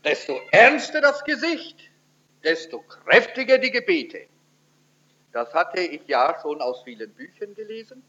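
Animated preacher man, lo-fi sermon recording. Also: measured pace. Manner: animated storytelling, pitch swinging widely for emphasis.

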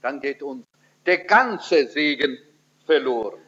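Animated preacher man, lo-fi sermon recording. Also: slow pace. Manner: animated storytelling, pitch swinging widely for emphasis.

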